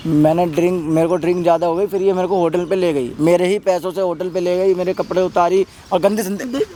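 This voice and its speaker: A man talking outdoors in a park, defending himself in a halting way as an accused neighbor. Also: sits high, fairly even intonation, warm tone, a little hiss or hum.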